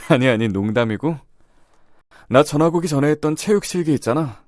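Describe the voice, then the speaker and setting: A man's voice: fairly high pitch, expressive, brisk, darkish tone, dry recording, studio quality, close to an everyday voice. A man voicing an outgoing, friendly teenage transfer student in an audio drama, talking in a breezy, teasing way.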